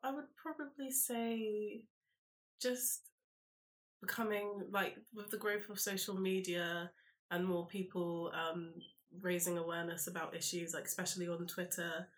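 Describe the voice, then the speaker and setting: A young woman with a South London accent, speaking casually as an interview guest in an informal, halting way, as if thinking aloud. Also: lowish voice, level tone. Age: young adult. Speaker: podcast guest, university student.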